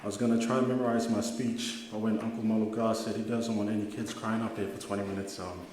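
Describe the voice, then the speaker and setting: Young man, measured halting delivery, sincere memorial speech, long hall reverb, faint background noise. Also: lowish voice, flat delivery, darkish tone.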